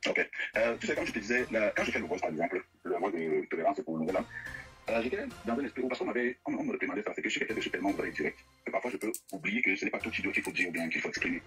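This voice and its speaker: A man's voice: low-pitched, rapid-fire, music in the background, rough recording. A man giving a heated personal account in an interview, insistent, often repeating and stumbling over his words. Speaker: guest telling of a money dispute with an artist.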